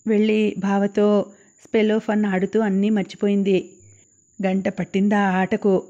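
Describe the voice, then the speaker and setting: A woman narrating an audiobook novel in a steady, scripted reading. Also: medium pitch, measured pace, dull audio. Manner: flat, even reading.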